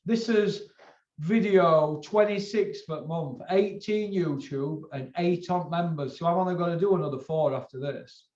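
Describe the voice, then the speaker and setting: A slightly high, slightly slow and mellow male voice belongs to a boxing video channel host with a Northern English accent. He chats casually, rambling, swearing and speaking colloquially while circling back to repeat himself, in roomy, dull lo-fi sound.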